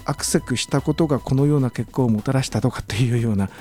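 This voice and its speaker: A man lecturing on business in a radio talk, relaxed and full of fillers, slowing down to sound out examples. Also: mid-range voice, soft background music. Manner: relaxed, many fillers, slow careful English examples. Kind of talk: radio lesson chat.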